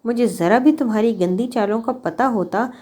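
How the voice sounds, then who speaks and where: A woman's voice: fairly high pitch, warm tone, natural voice. A woman doing a crying, pleading young wife. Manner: pleading, desperate.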